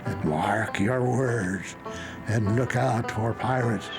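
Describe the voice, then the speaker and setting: A man playing a gruff old salty pirate seafarer who gives ominous warnings in a theatrical theme park narration. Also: on the low side, slow pace, over music.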